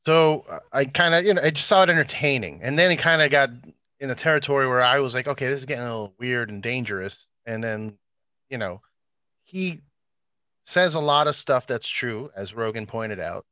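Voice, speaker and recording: Bright, punchy-voiced man chatting on a podcast. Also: medium pitch, expressive, moderate pace, no room sound. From Cuban background. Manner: blunt, profane. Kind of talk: casual podcast chat.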